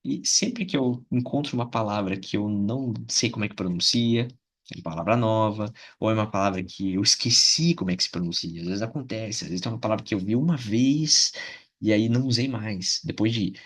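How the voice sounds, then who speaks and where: A man's voice: fairly low pitch, fairly quick, fairly bright tone, slightly rough. A Brazilian Portuguese-speaking man teaching English in a casual spoken lesson. He talks in a chatty way, repeats short phrases and keeps checking in with the listener.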